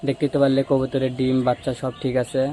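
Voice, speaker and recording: A man's voice: medium pitch, completely flat delivery, quick pace. A man talking casually to viewers as he checks on his pigeons and feeds them. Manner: chatty, talks to viewers while tending birds. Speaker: pigeon keeper vlogger. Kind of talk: casual vlog commentary. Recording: loft with clear bird noise. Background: pigeons cooing.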